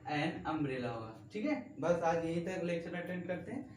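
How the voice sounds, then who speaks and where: A man's voice: on the high side, expressive, a little fast, a little mellow, a little hiss or hum. A male teacher giving a classroom grammar lesson, asking the class question after question and spelling words out letter by letter. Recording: echoey room, voice from a distance.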